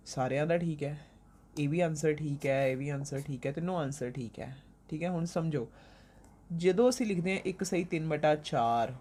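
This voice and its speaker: With a low, somewhat dark voice, a woman who teaches math in Punjab, India, guides students carefully through the material. She poses questions, waits, and gives the answers herself, patiently going over the main ideas again, mixing English math vocabulary into her speech.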